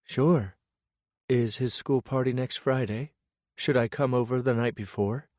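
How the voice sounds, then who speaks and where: A male audiobook narrator voicing a gentle, apologetic young woman who talks softly and hesitantly. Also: medium pitch, steady tone, measured pace, no echo, studio quality, pitched above the performer's own voice, lightly acted. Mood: cheerful. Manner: soft, hesitant. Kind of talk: audiobook character voice.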